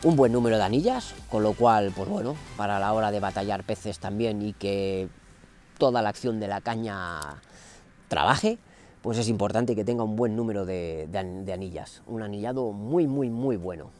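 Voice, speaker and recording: A man's voice: lowish voice, moderate pace, a little mellow, soft background music. A man in his forties hosting a fishing vlog, talking eagerly and exclaiming often, recorded outdoors by a lake on an action camera. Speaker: fishing channel host. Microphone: action camera, close framing.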